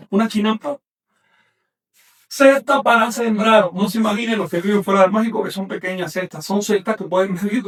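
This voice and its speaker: A man teaching an online class, slowly sounding out words syllable by syllable and correcting common mistakes firmly. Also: high-pitched, recorded from a distance. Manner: slow, emphatic spelling out of syllables; corrective, insistent.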